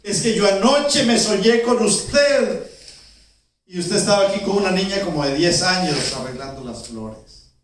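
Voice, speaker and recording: A woman's voice: fairly low pitch, lively intonation, a little fast, heavy reverb, slight background noise, lightly acted. A male preacher voicing an earnest, devout churchwoman with a pleading manner, recorded in a church from far off. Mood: cheerful.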